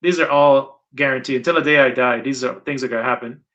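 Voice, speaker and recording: Speaking quickly in a bright, mid-range voice, the Guyanese interviewer, a middle-aged man who runs the channel, keeps the casual conversation going. His talk wanders, he repeats points for emphasis, and the audio sounds dull and lo-fi.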